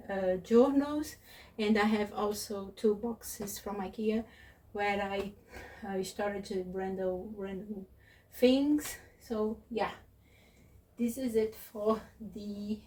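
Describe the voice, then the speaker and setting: A woman who is not a native English speaker, giving a casual, unscripted tour as a vlogger in a hesitant, halting way. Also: medium pitch, darkish tone. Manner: hesitant, halting phrasing with searching pauses. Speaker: craft vlogger and presenter. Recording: distant mic with faint noise.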